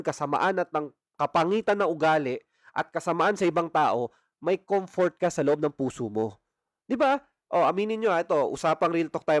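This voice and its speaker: Fiery Filipino-accented male preacher for a phone livestream Bible study, fairly high voice, dry close sound. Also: no room sound. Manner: impassioned, scolding rhetorical questions; switches between Tagalog and English.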